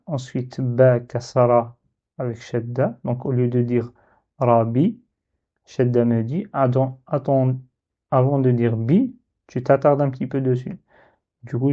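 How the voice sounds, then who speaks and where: Male teacher, French accent, unhurried step-by-step lesson delivery, dark muffled tone. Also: medium pitch. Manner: slow, patient, drawn-out sounding of syllables.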